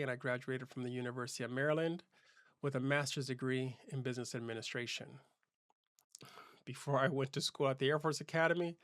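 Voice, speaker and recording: A man's voice: mid-range voice, fairly bright tone, clean tone, no room sound, clean studio sound. A man from Southern California, a keynote speaker and channel host, telling his life story in an earnest, reflective way, often restarting his sentences. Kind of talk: personal storytelling monologue.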